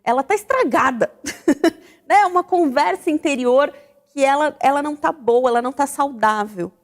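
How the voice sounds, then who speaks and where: Female talk-show host, high-pitched, reflective and questioning, long room reverb. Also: moderate pace. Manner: reflective, animated, asks the audience questions.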